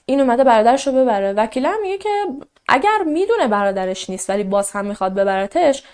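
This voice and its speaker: A woman recounts a true crime case in an easy conversational tone. Her voice sits a little high. She jumps into the people's words with a lift in pitch. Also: clean tone. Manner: animated, quotes characters in a raised voice. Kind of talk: casual true crime narration.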